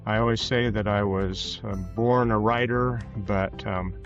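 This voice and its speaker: This interview guest, a former police officer and author in his sixties from rural Kansas, speaks in a lowish voice with fairly even intonation. His casual answers come out halting and folksy, over soft background music in a roomy, dull lo-fi recording.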